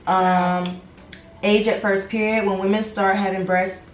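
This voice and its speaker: A woman's voice: mid-range voice, little pitch movement, a little slow, echoey room, slight background noise. A young woman in a casual chat with friends who jokes and laughs as she talks. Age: young adult.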